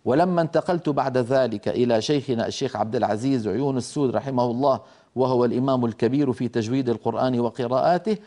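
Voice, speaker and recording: A man's voice: mid-range voice, quick pace, mellow. A middle-aged man giving a recorded Quran pronunciation lesson, explaining earnestly and sounding out letters to demonstrate. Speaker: Quran recitation teacher.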